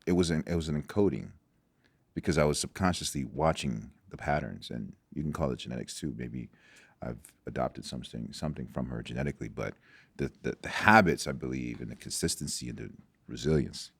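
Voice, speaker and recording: An extremely low, gravelly voice with a breathy edge belongs to a Nigerian-born Igbo-speaking man, a guest in a casual interview. He talks fairly quickly with lively intonation, reflective and prone to restarts and repeated words. There is no echo.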